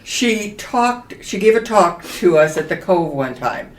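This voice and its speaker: A woman's voice: medium pitch, very animated, measured pace. An older woman co-hosting a casual interview chat in a senior community. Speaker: podcast co-host, senior community resident. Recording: roomy echo, distant from mic.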